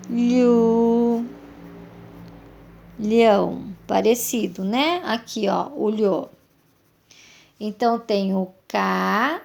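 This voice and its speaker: A woman teacher with a Brazilian Portuguese accent, giving a lesson to young children and coaxing answers with slow, drawn-out syllables. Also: on the high side, vocal fry. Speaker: primary school teacher.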